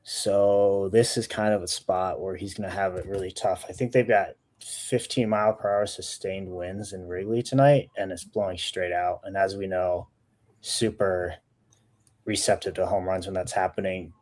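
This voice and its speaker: A man's voice: low voice, steady tone, moderate pace, darkish tone. A man co-hosting a betting show, thinking aloud while he checks stats. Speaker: sports betting show co-host. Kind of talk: casual betting talk.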